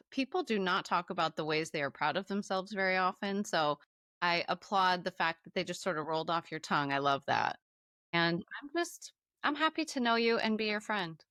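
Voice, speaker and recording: A woman's voice: on the low side, animated, normal speed, bright, forceful tone, dry recording, clean studio sound. A woman in her forties, a life coach, talking on a podcast in an enthusiastic, affirming way. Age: 40s. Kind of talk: casual conversation.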